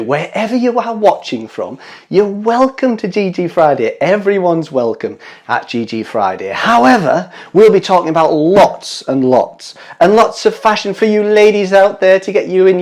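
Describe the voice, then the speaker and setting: Gushing, playful vlog host with animated pitch. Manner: gushing, affectionate, teasing; cheeky, playful. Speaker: show host. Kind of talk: chatty fashion vlog to camera.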